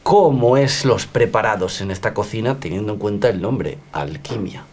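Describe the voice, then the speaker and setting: Animated man hosting with a quiz card. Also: lowish voice. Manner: brisk, teasing. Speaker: co-host. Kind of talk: lively quiz-style hosting. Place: restaurant dining room.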